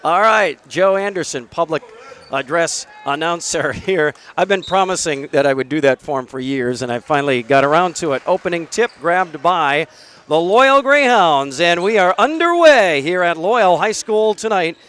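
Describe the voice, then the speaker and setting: High-voiced American male basketball commentator. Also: animated, moderate pace, fairly bright tone. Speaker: radio play-by-play commentator. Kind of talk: live basketball radio commentary.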